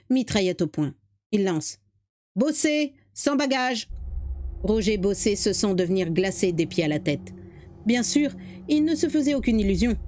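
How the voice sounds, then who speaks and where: A woman telling a dramatic true story as scripted narration, with expressive delivery. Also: mid-range voice, dry recording, studio quality.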